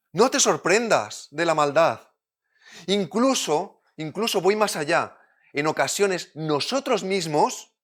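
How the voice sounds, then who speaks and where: A high-pitched man from Madrid, Spain, with a Madrid Spanish accent, preaches a sermon. He shifts between loud, urgent points and quiet, intimate asides.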